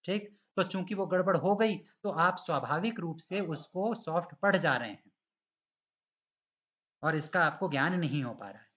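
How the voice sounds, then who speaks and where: Male teacher, patient corrective tone, higher-pitched voice, muffled call audio. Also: animated, a bit bright. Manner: patient, corrective, demonstrates recitation slowly. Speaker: Sanskrit pronunciation teacher. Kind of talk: online class correcting students.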